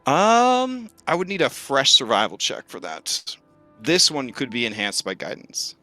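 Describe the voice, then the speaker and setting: Bright-voiced male game master. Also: medium pitch, very animated, normal speed, faint music behind. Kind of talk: narrating a tabletop roleplaying game.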